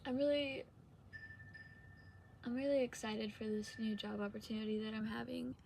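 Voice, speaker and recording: A young adult woman talks casually and confessionally, as if to her vlog audience. Her voice sits fairly high and stays very even in pitch. She speaks in hesitant fragments with pauses, over some background noise. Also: gravelly. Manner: hesitant, trailing sentences with long pauses. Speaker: vlogger. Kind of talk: casual confessional chat, unscripted.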